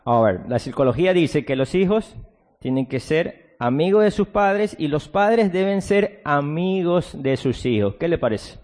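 Male pastor, sermon, hushed then booming outbursts, drawn-out stressed words, echoing church hall. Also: expressive. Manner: preaching with sudden loud outbursts and drawn-out emphasis; acts out mocking soft-spoken quotes.

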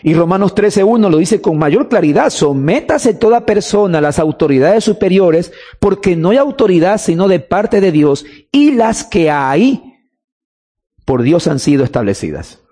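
High-voiced preacher man in a hall. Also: very animated, moderate pace, warm tone. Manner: emphatic, stretches key words, asks rhetorical questions. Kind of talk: sermon.

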